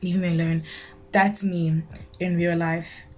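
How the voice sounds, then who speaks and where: Talking slowly on the low side with little pitch movement and a darkish tone, a nineteen-year-old beauty vlogger does her makeup while casually answering viewer questions. She comes across as blunt and emphatic, often saying things twice for emphasis.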